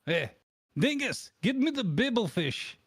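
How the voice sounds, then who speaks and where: A man playing a deadpan, bossy boss who interviews absurd job candidates in a mock-formal, deliberate way on an improvised comedy stream. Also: sits high, no room sound, studio quality, voice pushed up, full character voice. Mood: mock-formal, patient. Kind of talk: improvised comedy role-play.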